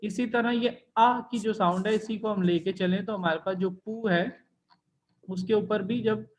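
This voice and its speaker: A man's voice: sits high, dull audio. A man teaching an online language class, explaining patiently step by step and drawing out sounds to demonstrate tones. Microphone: computer mic in video call.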